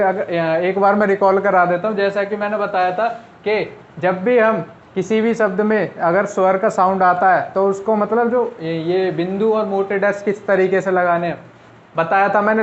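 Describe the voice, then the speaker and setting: A young man teaching a shorthand class online, explaining step by step and answering his own questions. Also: high voice. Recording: dull lo-fi sound.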